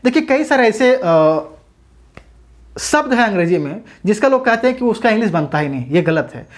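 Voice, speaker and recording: A woman teaches an English grammar lesson for exam students, posing questions and answering them herself while calling her viewers brothers and sisters. Her mid-range voice is very animated and her speed is normal.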